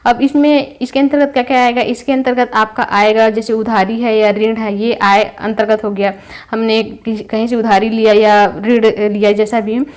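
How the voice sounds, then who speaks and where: A young woman with a Chhattisgarh Hindi accent and a somewhat high voice teaches an exam-prep class. She explains patiently and often checks that her listeners are following. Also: flat delivery, normal speed, a little mellow. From India. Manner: explains patiently with everyday examples, fillers and check-ins.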